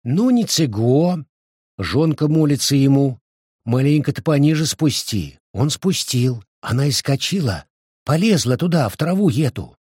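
Slow, husky male storyteller. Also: mid-range voice, big pitch swings, a little mellow, no room sound, clean studio sound. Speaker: reader. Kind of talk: reading fiction aloud.

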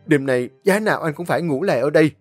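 A man's voice: a little high, fast talker, no room sound, soft background music, pitched above the performer's own voice, natural voice. A man voicing a drunk, insistent ex-husband. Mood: pushy. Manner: insistent, pleading.

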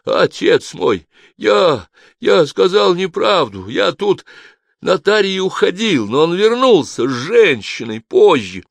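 A man reading an audiobook, voicing a frightened, hoarse jail guard who pleads and nearly cries. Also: medium pitch, expressive, moderate pace, no echo, voice pushed up. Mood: pleading. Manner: panicky, pleading, near tears. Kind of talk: audiobook character voice.

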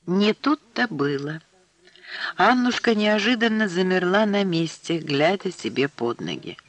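A man narrating an audiobook in a measured, steady reading on a close studio mic. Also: sits high. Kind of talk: scripted narration.

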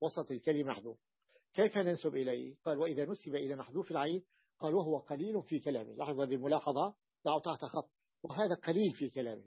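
A man's voice: a little high, creaky, slightly rough, no echo. A male teacher explaining a grammar text to his students, repeating terms and often asking the class questions. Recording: dull lo-fi dry recording.

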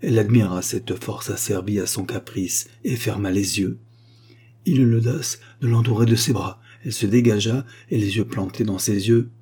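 Male narrator, steady literary reading, low pitch, husky timbre. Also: moderate pace. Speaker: audiobook narrator. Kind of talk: literary reading of a short story.

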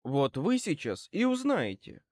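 A man reading an audiobook as a male wizard private eye who speaks wryly and with calm menace. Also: on the high side, a little slow, no echo, studio quality, voice pushed up. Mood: wry, cool. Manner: wry, calmly threatening.

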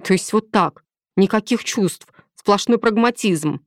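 A woman's voice: medium pitch, measured pace, dry recording, studio quality, close to an everyday voice. A woman reading aloud, voicing a tired, irritable lawyer in his mid-forties who sounds reluctant and guarded. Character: weary middle-aged man, lawyer, forty-five.

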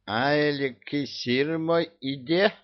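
A drunken, blustering immortal old villain, put on by a male audiobook narrator, his voice pushed high and gravelly and swinging all over. He drawls slowly and boasts coarsely. The recording is dull and lo-fi. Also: sing-song, full character voice. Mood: drunken glee.

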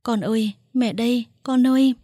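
A woman's voice: mid-range voice, expressive, fairly quick, breathy edge, no echo, studio quality. A woman voicing a young mother who has been tricked out of her baby, raging and sobbing. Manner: shouting, sobbing, vengeful. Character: furious young mother, wronged mistress.

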